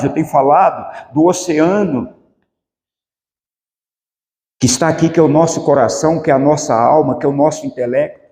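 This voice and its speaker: A man's voice: on the high side, gravelly, a little mellow. A man preaching a sermon as pastor, asking the congregation rhetorical questions. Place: church. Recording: echoey church hall with long reverb.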